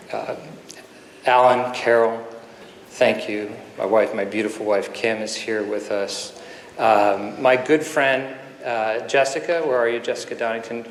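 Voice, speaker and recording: A man in his fifties, a surgeon giving an earnest keynote speech full of anecdotes, with pauses and fillers, at a podium microphone in a conference hall. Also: mid-range voice, a little hiss or hum. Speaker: guest speaker, surgeon. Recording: echoey hall with faint ambience.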